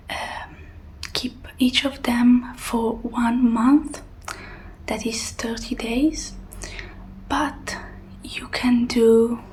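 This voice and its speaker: A woman in a whispered role-play as a helpful librarian, speaking in a hushed, breathy whisper. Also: fairly high pitch, slight background noise. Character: helpful soft-spoken female librarian suggesting books.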